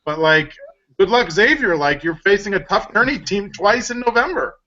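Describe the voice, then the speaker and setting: Bright, emphatic man on a sports panel. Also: sits high, animated, normal speed, dull audio. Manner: emphatic, lists points. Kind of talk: roundtable sports talk.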